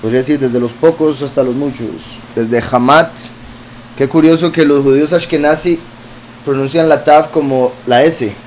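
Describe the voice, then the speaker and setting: A man's voice: medium pitch, moderate pace, darkish tone, slight background noise, low-quality recording. A man preaching, reading verses aloud and explaining them with frequent asides. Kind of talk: scripture teaching.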